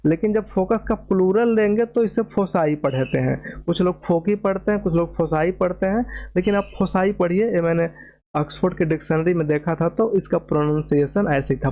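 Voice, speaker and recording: Man, maths teacher, patient board explanation, repeats terms, fairly high voice, muffled lo-fi sound. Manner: patient, repeats key terms and checks understanding.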